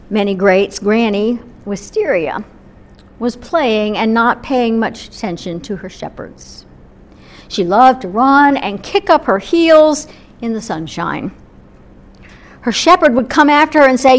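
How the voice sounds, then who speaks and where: A woman pastor tells a quiet storybook sermon to her congregation. Her voice sits somewhat high and moves at an unhurried pace. She often lets her phrases sink into a soft, breathy hush. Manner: gentle, unhurried, softening to near-whispers at phrase ends.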